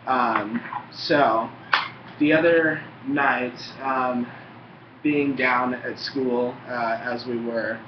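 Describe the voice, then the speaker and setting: A man's voice: medium pitch, steady tone, extremely slow. A young man chats casually and rambles, swearing in a laid-back way, his lip packed with chewing tobacco. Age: young adult. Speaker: tobacco review vlogger. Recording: muffled, roomy, faintly noisy home recording.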